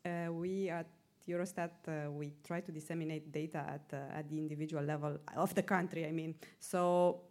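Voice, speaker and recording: Low-pitched woman, conference presenter, hesitant, lots of uh and um. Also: fairly even intonation, a little mellow. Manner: hesitant, frequent fillers, measured. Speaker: presenter answering audience questions. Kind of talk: conference Q&A answers.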